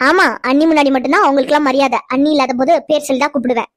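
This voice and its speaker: A woman's voice: high voice, fairly even intonation, rapid-fire, no echo, close to an everyday voice. A woman voicing a grown sister in a cartoon, who scolds and teases her brothers with affection. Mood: teasing. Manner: scolding, teasing. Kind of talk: cartoon voice acting.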